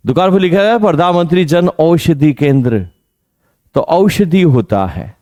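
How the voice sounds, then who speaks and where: A man teaching Hindi grammar in an exam coaching lesson, quizzing students on pronunciation and drawing out key words slowly. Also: fairly high pitch, animated, a little mellow, dry recording, clean studio sound. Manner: drills pronunciation with repeated questions to students.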